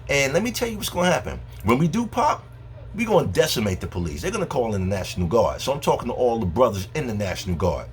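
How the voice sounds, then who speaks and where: A man's voice: medium pitch, big pitch swings, quick pace, slight background noise. A man delivering a heated, profane monologue to camera as a video host. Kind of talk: angry ranting monologue.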